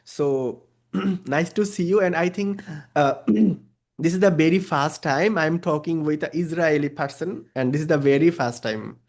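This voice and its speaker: A Bengali-speaking man with a Bangladeshi accent, working as a freelance service provider, pitches his service to a client over a video call. His voice is somewhat high with a darkish tone, and his English is hesitant, full of pauses and fillers.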